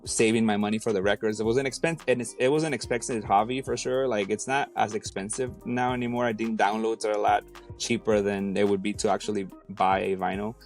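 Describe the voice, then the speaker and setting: A man's voice: on the low side, brisk, soft background music. Laid-back man from Mexico City. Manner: relaxed, many fillers and restarts. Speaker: guest, DJ and rapper. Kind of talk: casual interview.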